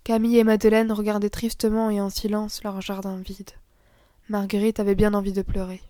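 A woman's voice: mid-range voice, a little fast, no echo. Woman reading a children's tale. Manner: calm, even storytelling. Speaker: narrator.

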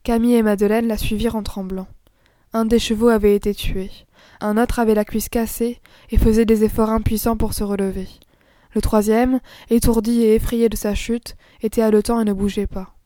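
A woman's voice: fairly high pitch, no room sound. Woman narrating a classic story, dry. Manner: measured, expressive reading. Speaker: audiobook narrator. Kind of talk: scripted narration.

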